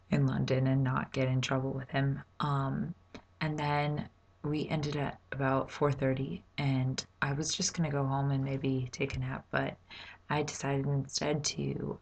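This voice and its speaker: A young American woman with a creaky voice chatting casually in a vlog, rambling and halting as she goes. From United States. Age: young adult. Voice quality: low, creaky voice. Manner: rambling, halting, informal with swearing. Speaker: vlogger.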